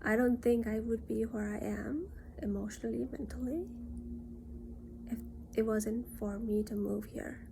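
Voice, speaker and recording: A woman from Nepal, talking in an earnest, reassuring monologue that often drops into soft near-whispers. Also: a little high, steady tone, a little slow, creaky, a little hiss or hum. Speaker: self-reflection vlogger. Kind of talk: casual reflective monologue.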